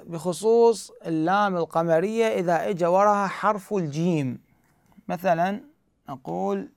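Teaching the rules of Quran recitation step by step, a man with an Iraqi Arabic accent poses questions and answers them himself in an explanatory lesson. His voice is a little high and creaky with a clean tone, recorded dry.

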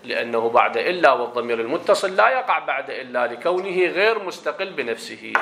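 Bright-voiced man teaching grammar. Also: mid-range voice, lively intonation, fast talker, creaky. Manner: explains step by step, checks understanding with questions. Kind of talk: classroom lecture.

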